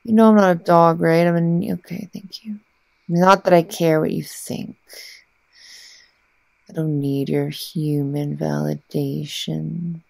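Woman playing a creaky-voiced tsundere cat girl, ASMR role-play. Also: sits low, fairly even intonation, dry recording, exaggerated voice. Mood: grudgingly affectionate. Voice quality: soft, breathy, with wet mouth sounds. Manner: haughty, halting, reluctant murmuring. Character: haughty, secretly affectionate tsundere cat girl.

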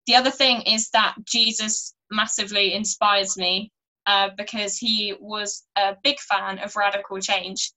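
Casting: teen girl, earnest and articulate, clear bright tone, talking to a webcam at home. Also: medium pitch, poor audio. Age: teenager. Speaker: youth climate activist. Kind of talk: recorded church talk to camera. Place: small bright room at home, indoors.

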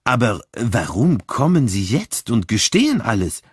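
A man voicing a calm, unflappable older male detective who speaks low, gently and slowly, with a mildly ironic manner. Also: breathy edge, no room sound, studio quality, full character voice. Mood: calm, gentle. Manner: mild, encouraging, quietly ironic.

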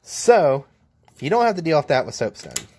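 A man's voice: fairly high pitch, big pitch swings, normal speed, mellow, husky. An American man, a welder, giving a casual hands-on demo of his tools, blunt and joking, filmed one-handed at an outdoor work table. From United States. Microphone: handheld camera mic, filming one-handed.

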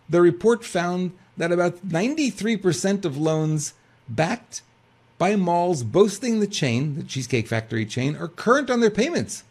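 Animated older man, lively rising voice. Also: fairly high pitch, husky. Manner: animated, rhetorical questions, many restarts. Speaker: co-host of a political news talk show. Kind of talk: casual commentary and reading news aloud.

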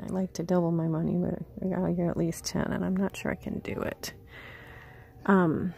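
Filmed on a phone at arm's length, this vintage reseller vlogger, a woman in her forties, chats through a shop-with-me trip from an antique mall to her parked car, quietly muttering prices. She has a gravelly, dark, medium-pitched voice, and there's a slight hiss or hum on the recording.

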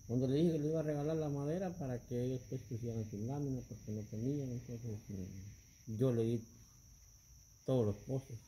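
A middle-aged man calmly explaining things while reacting to a video in a small indoor room, filmed close by a camera. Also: medium pitch, a little hiss or hum, low-quality recording. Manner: calm, explanatory, unhurried. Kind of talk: casual reaction chat.

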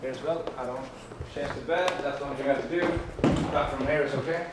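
A man's voice: medium pitch, fast, very echoey, in a large hall, heavy background noise. A man in his thirties with a Swedish accent, an upbeat salesy agent showing a house and laughing often. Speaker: real estate agent giving a house tour. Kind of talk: casual house tour chat. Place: large empty villa, indoors and on terraces.

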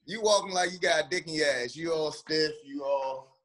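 A young man from Washington, DC, a former football player and trainer, telling stories in a lively, slangy way with many restarts. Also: a little high, moderate pace. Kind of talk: casual podcast chat.

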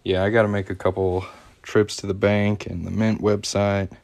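A man's voice: lowish voice, level tone, normal speed, vocal fry, darkish tone. A man chatting casually while demonstrating craft work live and answering viewer comments. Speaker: coin ring maker streaming live. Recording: noisy workshop live stream. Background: workshop tool noise, sanding and clicks.

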